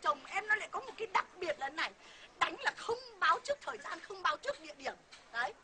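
A woman's voice: very high voice, sing-song, fast, sharp tone, a little hiss or hum. A woman in a comedy sketch, complaining emphatically about her husband. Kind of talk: comic sketch dialogue.

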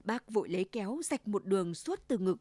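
Woman storyteller, expressive fairy tale narration, middle pitch, dry close sound. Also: a little fast, no room sound.

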